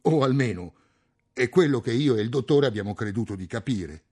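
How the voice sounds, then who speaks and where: A man reading an audiobook, voicing a calm, patient man with a gently ironic manner. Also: mid-range voice, a little fast, husky.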